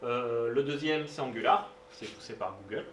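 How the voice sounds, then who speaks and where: A man presents a technical talk to a live meetup audience, pausing often and filling gaps as he goes. He is heard from a distance in a roomy space, with a faint hiss underneath. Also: medium pitch. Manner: hesitant, many fillers, informal asides. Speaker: meetup speaker. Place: meetup room. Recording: roomy sound, distant mic, faint noise.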